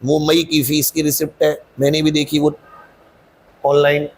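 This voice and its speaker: A man's voice: fairly high pitch, monotone, a little slow, slightly rough. A man, a coaching teacher, answering interview questions in a defensive, insistent, rambling way.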